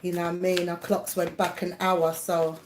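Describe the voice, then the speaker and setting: A woman's voice: on the low side, little pitch movement, moderate pace, slight background noise. Chatty woman. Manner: chatty, rambling, laughs often, greets viewers by name. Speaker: livestream host and psychic reader. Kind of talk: casual live chat with viewers. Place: home, indoors.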